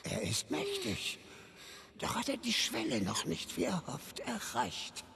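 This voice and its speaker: An actor playing a sinister, grandiose old high clergyman in a video game, with a gravelly, theatrical, menacing delivery. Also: huge pitch swings, slight background noise, heavily acted. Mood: gloating. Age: older. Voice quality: gravelly, breathy at times. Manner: menacing, theatrical, slow and deliberate. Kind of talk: dramatic video game acting. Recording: loud dramatic music behind.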